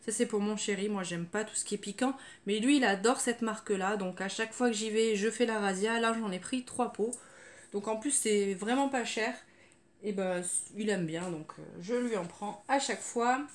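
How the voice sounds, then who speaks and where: A French woman talks casually through her grocery haul, her speech full of fillers and trailing off with "voilà." Her voice is medium-pitched and her pace is normal, suited to a relaxed haul video.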